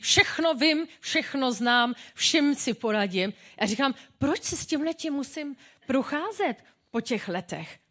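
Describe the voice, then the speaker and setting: A woman's voice: on the high side, a bit bright. A woman pastor giving a sermon in a personal, humorous, conversational way.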